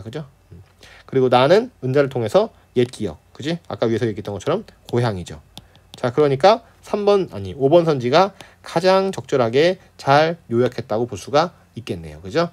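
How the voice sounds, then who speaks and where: A Korean literature tutor with a mid-range, darkish voice walks students through an exam problem set in lecture form. He's chatty, keeps asking "right?", scoffs at the wrong answer choices, and slips into quick, playful asides where he acts out characters.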